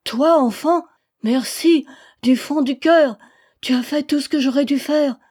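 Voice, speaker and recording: A woman's voice: medium pitch, fairly even intonation, unhurried, dark tone, lightly acted. A woman reading aloud, voicing an old male charcoal burner who speaks with fervent, pleading emphasis. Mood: exalted.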